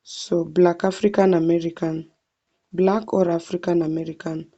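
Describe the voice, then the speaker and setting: A young Kenyan woman, a tutorial vlogger, guides viewers through an online sign-up form in a screen-recorded walkthrough, thinking aloud and calling them "guys." Her lowish, warm voice is flat in delivery and moderate in pace, with the highs cut off.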